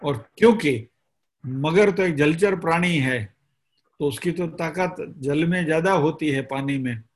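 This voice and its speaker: A man giving a spiritual discourse, retelling a scripture story slowly and deliberately, with pauses between phrases. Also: a little high. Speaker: spiritual teacher.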